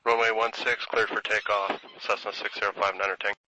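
A man's voice: on the low side, flat delivery, fairly quick, bright, forceful tone, dry recording. A man speaking as a pilot over a headset radio, making calls in aviation phraseology. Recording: faintly noisy, clicking radio link.

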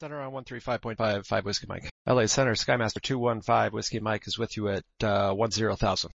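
A man's voice: lowish voice, fairly even intonation, fast talker, gravelly, fairly bright tone, no echo. A man talking as a pilot through a cockpit headset radio, making clipped, terse radio calls to air traffic control. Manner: clipped, terse radio phraseology with brief hesitations. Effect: pilot talking over a cockpit headset radio. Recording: muffled radio transmission.

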